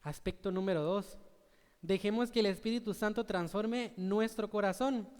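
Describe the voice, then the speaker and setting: Man, Guatemalan accent, high voice, smooth, conversational sermon, church hall echo. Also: moderate pace, a little mellow. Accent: Guatemalan Spanish. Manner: earnest, conversational, asks the congregation "¿verdad?". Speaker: preacher. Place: church sanctuary.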